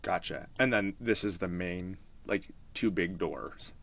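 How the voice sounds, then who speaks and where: A man playing a tabletop game, speaking casually in a relaxed, hesitant, soft-spoken way. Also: deep voice, a little slow, creaky. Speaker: player.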